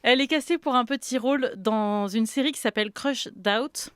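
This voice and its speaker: A young woman hosting a podcast, telling a story in a lively, chatty way with quoted asides. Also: a little high, normal speed, smooth, dry recording, studio quality. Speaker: podcast host. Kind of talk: casual storytelling chat.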